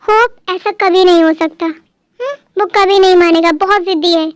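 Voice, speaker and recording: A high-voiced performer voicing a proud, stubborn, lovesick elder sister in a fan dub drama, speaking sharply and dismissively. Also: female voice, moderate pace, dry recording, studio quality. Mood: defensive.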